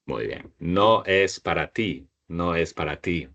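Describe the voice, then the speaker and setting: A man's voice: low voice, lively intonation, measured pace, a bit bright. A man teaching a Spanish class over a video call, patiently repeating each learner's answer. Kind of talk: online group language lesson.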